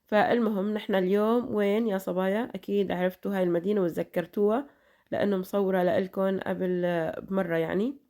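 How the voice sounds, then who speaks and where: Brief: middle-aged woman vlogger, Levantine Arabic accent, tired voice, quick chatty delivery, mid pitch. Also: steady tone, dark tone. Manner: chatty, repeats blessings and fillers. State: tired voice after illness. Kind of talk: casual chat to followers.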